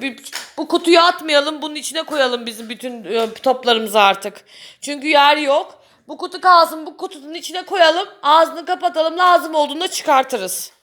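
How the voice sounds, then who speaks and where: A woman's voice: sits high, fairly bright tone. A young mother talking to her small children in a casual family vlog, coaxing and cooing at them.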